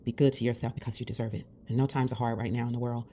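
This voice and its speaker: Low-voiced woman chatting a nail tutorial. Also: level tone, very fast, warm tone, slight background noise. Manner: chatty, encouraging, addresses viewers as besties. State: has the hiccups. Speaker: nail care vlogger. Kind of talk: casual tutorial chat.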